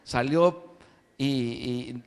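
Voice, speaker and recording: A man, a pastor telling a story in a playful, animated sermon, recorded in an echoey church hall. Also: medium pitch, drawn-out words, clear, resonant tone. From El Salvador.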